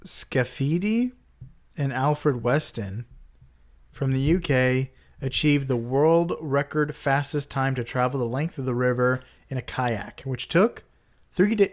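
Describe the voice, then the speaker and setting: A man hosting a casual podcast, reading out trivia questions and hints in a plain, teasing way. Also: medium pitch. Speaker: podcast host. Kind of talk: casual podcast quiz chat.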